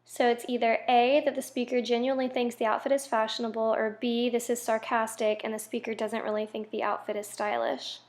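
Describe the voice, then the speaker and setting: A young woman teacher clearly and methodically explaining a grammar lesson, reading out quiz items and going through the answers. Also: a little high, little pitch movement, brisk, hardly any pauses.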